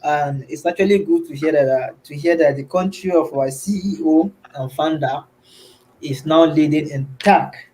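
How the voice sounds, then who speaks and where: A man's voice: on the high side, moderate pace, a little mellow, slight background noise, poor audio. A man from Nigeria hosting an online community call, earnest and repetitive, with many fillers. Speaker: host. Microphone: video call.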